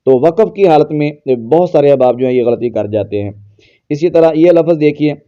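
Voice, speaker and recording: A man with a deep, mellow and smooth voice teaches Quran pronunciation. He explains patiently and then chants verses slowly as examples. The recording sounds dull and a little lo-fi. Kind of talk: tajweed lesson with recitation.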